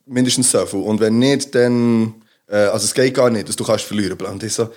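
A man's voice: lowish voice, fairly even intonation, a little fast, a little mellow. A man with a Swiss German accent, chatting casually as a podcast co-host and rambling through stories with many fillers. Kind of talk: casual chat.

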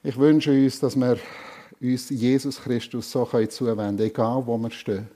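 A man's voice: medium pitch, flat delivery, normal speed, mellow. A man preaching a sermon earnestly, repeating key phrases for emphasis.

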